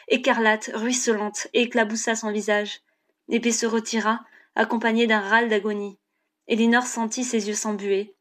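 A woman narrating an audiobook chapter in a steady, measured reading. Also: on the high side.

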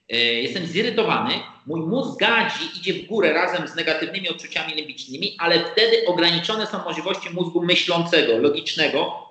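A man explaining negotiation ideas in an animated conversational way, acting out the quoted exchanges. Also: on the high side, roomy sound, poor audio. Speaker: negotiation expert guest.

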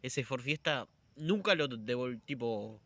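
A man's voice: medium pitch, expressive, slow, pushed and bright, no room sound. A young man with an Argentine accent in a casual chat, laid-back, slangy and a little profane. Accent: Argentine Spanish.

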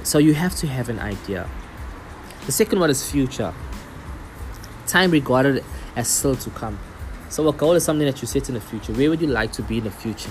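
A young South African man with a South African accent, hosting his own podcast in an earnest, explanatory way with frequent pauses. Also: medium pitch. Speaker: podcast host. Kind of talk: solo motivational podcast talk.

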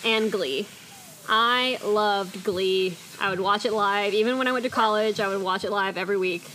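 A woman's voice: mid-range voice, moderate pace, bright, forceful tone, slight background noise. A young woman co-hosting a casual podcast at home, rambling enthusiastically through remembered shows and pastimes. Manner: enthusiastic, rambling lists of memories. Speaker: podcast co-host. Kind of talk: casual chat. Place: indoors, a room at home.

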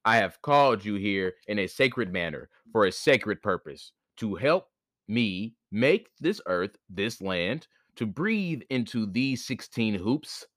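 A man voicing the great sun, a solemn male creator, who speaks in measured, commanding lines. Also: lowish voice, lively intonation, fairly bright tone, dry recording, clean studio sound.

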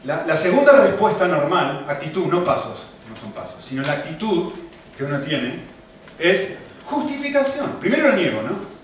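Male preacher, animated sermon, lively high voice, far from the mic, faint hiss. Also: moderate pace. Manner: animated, rhetorical questions. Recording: echoey hall from a distance.

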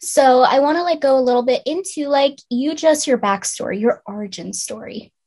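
Female host, eager, chatty, bright high voice. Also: normal speed. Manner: enthusiastic, chatty. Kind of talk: casual interview talk.

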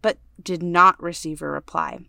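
A woman podcast host reading a ghost story aloud in a measured, storytelling way, going hushed on the dark parts. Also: fairly low pitch, steady tone, vocal fry, dry recording.

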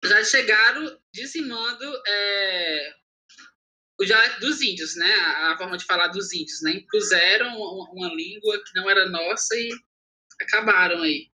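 A man speaks in a talkative, animated way and tells a personal story. His voice sits high and has a very bright, forceful edge. The tone is a casual podcast chat. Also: normal speed, low-quality recording.

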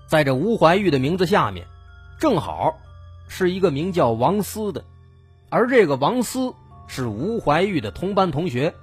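Guy telling a true crime story, kinda husky, really lively pitch, dramatic and suspenseful.

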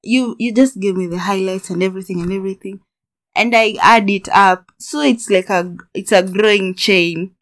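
A woman chatting casually as a podcast co-host, animated and prone to laughing mid-thought. She often restarts her sentences as ideas come to her. Her voice sits at an ordinary middle pitch. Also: normal speed. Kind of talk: casual chat.

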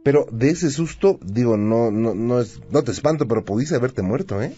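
A man's voice: mid-range voice, lively intonation, normal speed, dark tone, husky. A man hosting a call-in radio show, putting in short prompts and questions to a caller. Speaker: radio host. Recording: dull radio sound with music.

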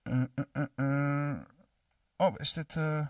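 A man's voice: fairly high pitch, fairly even intonation, takes it slowly, recorded from a distance, background noise. A man hosting a livestream, reading and answering chat in a rambling, cursing way full of fillers. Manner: rambling, profane, many fillers.

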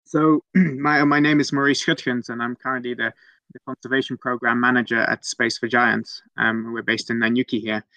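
A hesitant young Dutch man, a conservation program manager appearing as a guest, tells stories in a casual interview full of restarts and ums. His mid-range voice is bright and forceful yet flat in delivery, at a moderate pace, on a dry, low-quality recording.

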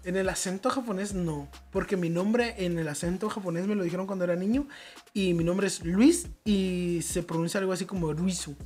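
A Mexican man co-hosts a loose, casual chat, relaxed and joking as he tells a story. His talk is slangy and easygoing. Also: high voice, brisk, soft background music.

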